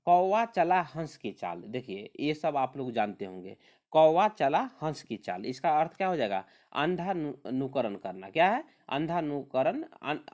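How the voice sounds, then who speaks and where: Male teacher drilling, lively pitch. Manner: repetitive, drilling correct spellings; calls on listeners to remember. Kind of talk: exam prep lesson.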